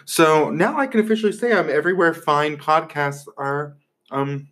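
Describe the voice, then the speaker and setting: A young man hosts a relaxed podcast, chatting over food. His talk is loose and filled with fillers and quick laughs. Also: a little high. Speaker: podcast host. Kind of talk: casual chat while eating.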